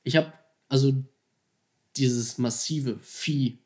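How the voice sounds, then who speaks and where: A man casually and excitedly retelling how he caught a huge fish, slangy and animated, acting out his own thoughts and phone calls. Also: mid-range voice, slow. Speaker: angler telling a fishing story. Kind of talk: casual storytelling.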